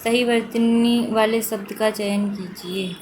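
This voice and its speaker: A woman with a fairly high voice speaks slowly while teaching exam spellings. In this walkthrough of exam questions she explains steadily and repeats correct forms for emphasis. The recording is noisy.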